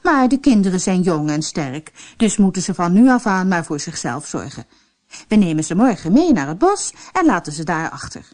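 A woman's voice: sing-song, moderate pace. A woman voicing a cold, scheming stepmother in a storybook reading, speaking sharply and scolding. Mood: angry. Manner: sharp, scolding, higher than her narration.

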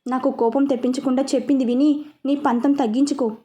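A woman voicing Dhruv, a rough bossy young man. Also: sits high, steady tone, quick pace, mellow, natural voice. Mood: angry. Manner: rough, commanding, scolding. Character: hot-tempered young man, bossy and stubborn.

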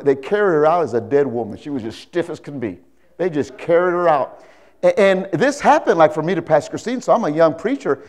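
Preaching to his congregation from an indoor church stage, a man in his sixties fills his animated sermon with emphatic anecdotes, repeated phrases, and checks for agreement. His voice sits a little high with a darkish tone, picked up by a lapel mic.

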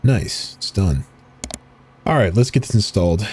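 For a horror video, a man reads on-screen web pages and installer text aloud in an animated, somewhat low and slightly mellow voice, a little slowly. He adds short, casual asides as he clicks along, and there's a little hiss or hum on the recording.

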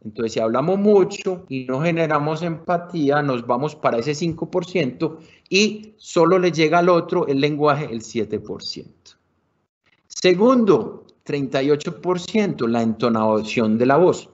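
A man with a Colombian accent giving a lively online sales workshop, shifting his volume and speed for emphasis and calling his audience muchachos. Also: fairly high pitch, measured pace. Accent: Colombian Spanish. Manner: animated, varies loudness and speed for emphasis; colloquial, addresses audience as muchachos. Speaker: sales trainer. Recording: somewhat dull lo-fi video call audio.

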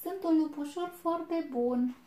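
A woman's voice: high-pitched, dark tone, pitched above the performer's own voice, natural voice. Little good wolf boy with a thin voice, earnest, played by a woman in a storybook reading; echoey room. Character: small good-natured young male wolf. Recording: echoey room, faint noise.

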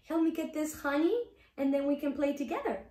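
A woman voicing a friendly but cautious male bear in a children's storybook, easygoing and unhurried. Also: high voice, animated, warm tone, echoey room, pitched above the performer's own voice. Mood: cheerful.

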